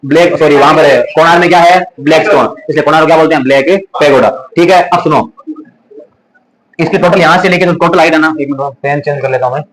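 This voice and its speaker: A young male teacher with a Rajasthani accent races through an exam revision lesson at a rapid clip. His voice sits a little higher than most men's. He drills facts by asking and repeating, then drifts into chatty stories. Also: a crowd in the background, rough recording. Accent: Rajasthani Hindi. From Rajasthan, India. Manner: chatty storytelling asides.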